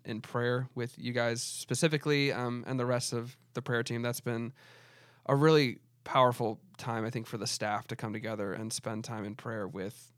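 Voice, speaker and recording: A man's voice: mid-range voice, no room sound, clean studio sound. A young man hosting a church podcast, chatting with a guest in a friendly way with many fillers. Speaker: podcast host, church staff. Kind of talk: casual podcast interview.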